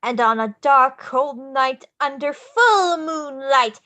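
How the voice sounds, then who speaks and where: A woman playing an excitable, theatrical showman in a musical script read, with declamatory, singsong phrasing. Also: high-pitched, takes it slowly, heavily acted. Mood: dramatic, spooky. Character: Jack, theatrical, excitable showman leader of Halloween Land.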